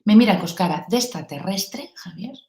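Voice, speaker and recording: A woman guest in an interview tells a story with lively energy, acting out the dialogue as she goes. Her voice is mid-range at a normal speed, and the recording has a roomy echo.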